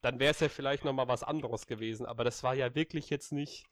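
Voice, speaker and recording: A man telling a story in casual chat, animated and blunt, dropping slang freely. His voice sits at a middle pitch. The recording is dry and close, with no room sound. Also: fast, no room sound. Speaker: friend chatting.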